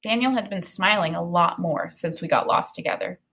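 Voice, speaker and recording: Reading a children's story at a moderate pace, a woman narrates with plenty of expression. Her voice sits on the low side.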